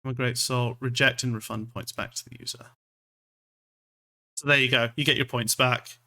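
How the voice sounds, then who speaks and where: A male streamer from Scotland with a bright, forward voice at an average pitch. He chats casually to his viewers in a rambling, self-deprecating way and swears offhandedly. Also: steady tone, moderate pace. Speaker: streamer, VTuber. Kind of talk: casual livestream chat.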